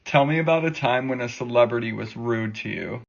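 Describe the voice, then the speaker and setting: Gravelly man asking a prompt, lo-fi. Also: mid-range voice, brisk. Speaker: host asking the question. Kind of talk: repeated spoken prompt. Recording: dull lo-fi sound.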